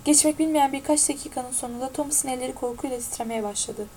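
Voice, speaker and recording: A woman narrating an audiobook in a steady, even-toned reading. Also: high voice, fast talker, slight background noise, low-quality recording.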